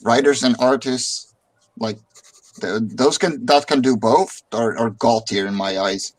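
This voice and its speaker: A man chats casually in a medium-pitched voice at a measured pace. As a streamer and comic artist, he tends to ramble and repeat words when beginning a thought.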